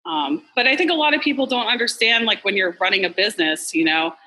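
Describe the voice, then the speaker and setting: A woman's voice: medium pitch, lively intonation, fast, bright, forceful tone, rough recording. A woman from Massachusetts, a restaurant co-owner, talking candidly in a casual interview with lots of "like" and "you know". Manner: chatty, candid, fillers like "like" and "you know", swears.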